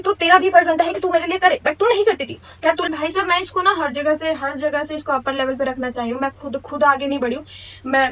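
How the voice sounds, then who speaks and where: Fast, high-voiced blunt young woman vlogger. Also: distant mic. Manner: blunt, slangy, mixes English into speech. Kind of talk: venting storytime monologue.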